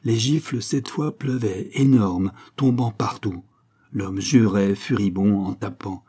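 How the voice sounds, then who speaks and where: A man narrating a short story in a measured, dramatic manner. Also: lowish voice, warm tone, slightly rough.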